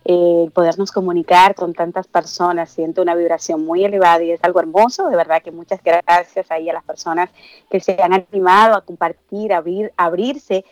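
A Dominican woman with a lowish, fairly even voice co-hosts a radio show, talking reflectively and earnestly but haltingly, with lots of "eh" fillers. The recording is muffled, with no room sound.

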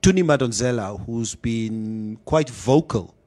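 A man's voice: medium pitch, animated, unhurried, a little mellow. A man hosting a casual, opinionated discussion, slipping in Afrikaans phrases. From South Africa. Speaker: talk show host.

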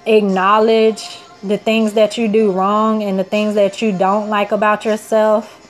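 On her laid-back self-help podcast, a twenty-something woman rambles in an earnest, supportive way, often saying "like" and "you know." She speaks at a medium pitch.

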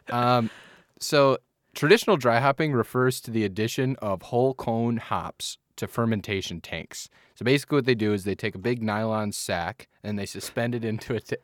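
A man's voice: medium pitch, no room sound, clean studio sound. A man co-hosting a casual podcast, joking around and reading facts aloud with a rambling delivery. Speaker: podcast co-host. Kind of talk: casual chat.

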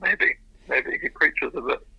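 A man's voice: on the high side, unhurried, vocal fry, breathy edge, no room sound. A man talking casually as a marketer on a phone call, heard through a phone speaker. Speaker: marketer taking a sales call. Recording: dry, buzzy phone speaker.

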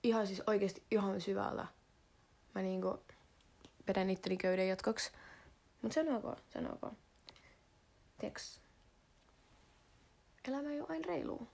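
A teenage girl from Finland talking in a casual monologue, slangy and dramatic, swearing often and jumping between whispers and loud outbursts. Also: mid-range voice, creaky, long pauses. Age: teens.

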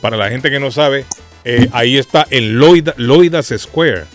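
A man's voice: medium pitch, a little slow. Man, radio host, mid-range voice, repeats himself, faint music behind. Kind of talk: live radio chat.

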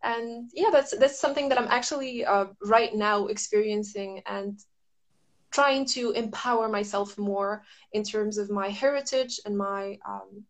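A Moroccan woman who practices astrology speaks casually and reflectively in a mid-range voice, often pausing as she searches for the right words.

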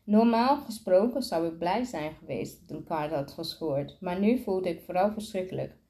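Mellow woman stumbling through a read-aloud. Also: fairly low pitch, animated, moderate pace. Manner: stumbling reading with frequent restarts. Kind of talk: reading a children's novel aloud.

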